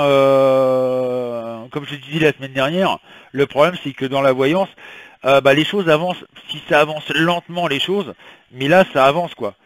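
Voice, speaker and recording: A French man reading tarot for a casual weekly prediction vlog speaks in a mid-range, fairly bright voice. He rambles with many fillers and coughs now and then, battling a slight cold.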